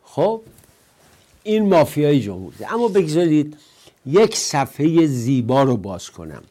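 A man's voice: fairly high pitch, very animated, mellow. An older man hosting a political commentary show, talking in a rambling, conversational monologue and reciting the odd verse. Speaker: host.

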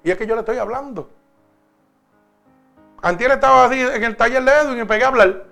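A man's voice: very high-pitched, fairly quick, gravelly, bright, forceful tone, soft background music. A man preaching a sermon, stretching out key phrases and telling stories in an emphatic cadence.

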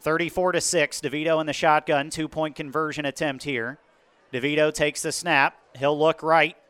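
Casting: male American football announcer, forceful bright tone, higher-set voice, live commentary. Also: steady tone, moderate pace, clear, resonant tone, dry recording.

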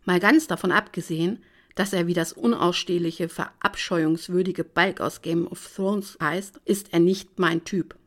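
A woman's voice: fairly low pitch, fairly even intonation, measured pace. Woman reading a teen novel in first person. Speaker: audiobook reader.

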